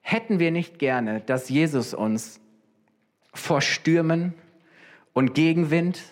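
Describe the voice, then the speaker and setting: A man preaching a sermon in a lively, conversational way, often asking his listeners questions. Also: fairly high pitch, slow pace.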